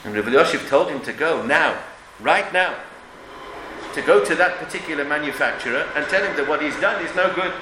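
A man's voice: on the high side, lively intonation, a little fast. A man giving an emphatic religious lecture with stories and rhetorical questions, sprinkling in Hebrew and Yiddish terms. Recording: echoey room with background noise.

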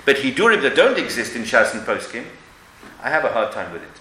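Animated man lecturing in an echoey room. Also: medium pitch, fast. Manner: emphatic, questioning, uses Hebrew and Yiddish terms. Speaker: religious lecturer. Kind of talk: religious lecture with storytelling and rhetorical questions. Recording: echoey room with background noise.

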